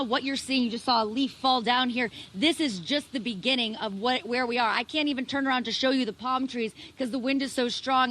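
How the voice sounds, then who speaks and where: A woman's voice: high voice, a bit bright. A female field reporter speaking urgently and emphatically outdoors in heavy wind and rain.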